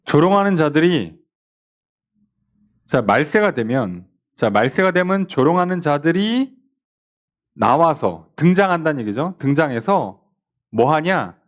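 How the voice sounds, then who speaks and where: A man's voice: fairly high pitch, measured pace. A man, a pastor, leading a midweek Bible study in church, asking the class questions and acting out the scoffers' words. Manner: animated, asks the class questions and mimics scoffers.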